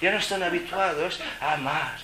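A man giving a live spiritual talk to an audience, animated and joking, with lots of rhetorical questions. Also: fairly high pitch, moderate pace, crowd noise. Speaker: spiritual speaker. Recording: roomy hall with ambient noise.

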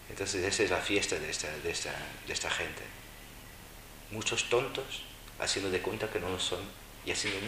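A man's voice: low-pitched, heavy background noise. A man giving a Buddhist dharma talk, teaching with wry, mocking asides. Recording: roomy echo with faint ambience.

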